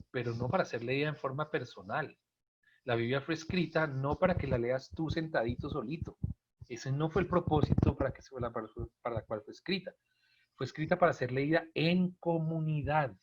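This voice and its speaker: A man's voice: medium pitch, normal speed, slight background noise. Man giving a lo-fi Bible talk. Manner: conversational, often checks in with listeners; acts out quoted lines with sudden emphasis. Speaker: Bible teacher. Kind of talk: informal Bible talk to a group. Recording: dull lo-fi recording.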